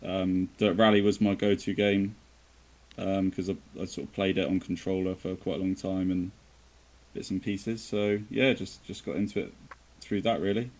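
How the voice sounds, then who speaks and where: Low-pitched man with a West Country accent. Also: level tone, moderate pace, darkish tone, poor audio. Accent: English West Country. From southwest of England. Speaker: podcast guest. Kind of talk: casual chat.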